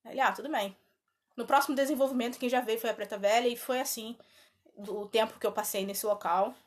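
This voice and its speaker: A woman with a Brazilian Portuguese accent sits and recounts a personal story in relaxed, chatty talk. Her voice sits a little high, and she jumps into quoted dialogue with lively animation. She laughs often as she talks. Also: fairly quick. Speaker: channel host. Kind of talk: casual spoken storytelling.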